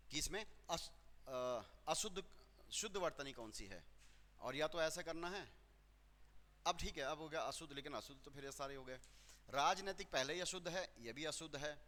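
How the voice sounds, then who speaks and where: Amid hall reverb, a male teacher with a fairly high, sharp voice works step by step through exam questions. He repeats words and corrects himself out loud as he goes.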